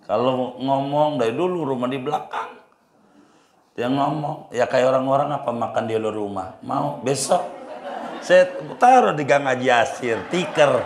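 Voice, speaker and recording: A man's voice: mid-range voice, moderate pace, echoey room. A man preaching a humorous sermon with a Betawi Jakarta accent, telling a folk story, acting out villagers' voices and laughing often. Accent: Betawi Jakarta colloquial. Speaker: Islamic preacher.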